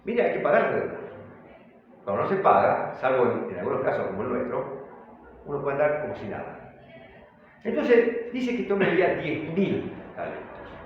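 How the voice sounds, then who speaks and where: A man preaching a sermon as pastor, animated and full of rhetorical questions. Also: on the high side, normal speed, heavy reverb, muffled recording, a little hiss or hum.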